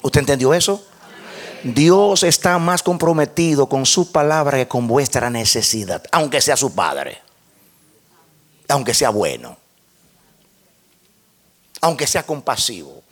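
A man preaching a sermon to a congregation. He repeats and restarts words as he builds a point, asks his listeners questions, and swings from hushed lines to near-shouted ones. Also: medium pitch, expressive, takes it slowly, long pauses.

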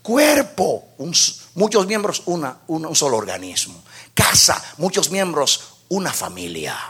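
A male pastor preaching an impassioned sermon that rises to shouted peaks. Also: fairly high pitch, very animated, unhurried, breathy edge.

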